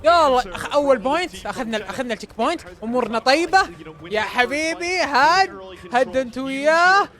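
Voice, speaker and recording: High, excitable man streamer. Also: fast. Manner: excitable, cheers and chants repeatedly, urges the team on. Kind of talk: excited live watch-along commentary.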